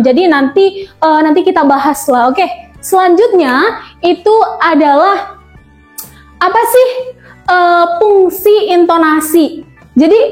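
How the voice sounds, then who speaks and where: A woman's voice: very high voice, a little mellow. A young woman presenting a tutorial on speech delivery, chatty and friendly, with frequent fillers as she explains.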